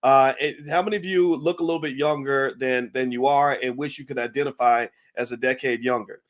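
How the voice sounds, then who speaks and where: A man's voice: medium pitch, fairly even intonation, a little fast. A man hosting his own channel, talking casually to viewers, chatty and amused, with many restarts and questions to the audience. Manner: chatty, laughing, lots of restarts and asides to viewers. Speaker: channel host. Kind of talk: casual talk-show commentary.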